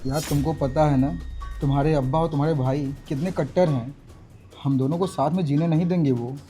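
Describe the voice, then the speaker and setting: An actor playing a gentle young husband who speaks softly and reassuringly. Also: male voice, on the high side, fairly even intonation, a little fast, soft background music, lightly acted. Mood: earnest. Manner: soft, reassuring. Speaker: actor in a short drama. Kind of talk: Hindi short-film acting.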